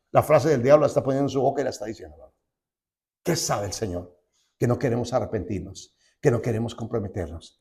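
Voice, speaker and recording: A middle-aged male pastor preaching a sermon, switching between loud, slow declarations and quiet asides, often calling listeners brother. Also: mid-range voice, creaky. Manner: calls the congregation brother.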